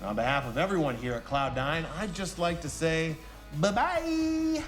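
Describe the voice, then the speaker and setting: An actor playing a male store worker making a supermarket loudspeaker announcement in friendly announcer patter. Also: fairly high pitch, big pitch swings, normal speed, soft background music. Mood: upbeat. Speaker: store employee.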